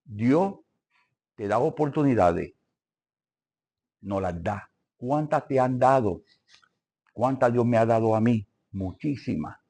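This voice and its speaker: A man's voice: medium pitch, expressive, slow pace, pauses often, warm tone, breathy edge. An older man teaching a church Bible lesson, asking the congregation questions and calling for amens.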